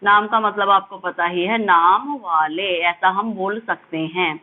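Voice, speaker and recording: A woman teacher giving a lesson, drilling sounds slowly and asking and answering her own questions. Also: medium pitch. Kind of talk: classroom lesson. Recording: tinny phone-like audio.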